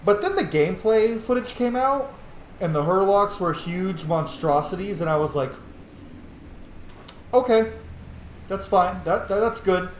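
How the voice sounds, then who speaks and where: A male gaming video host gives casual, rambling, opinionated gameplay commentary with some swearing. His high voice is animated and unhurried, with long pauses, and the recording has roomy echo and faint background noise.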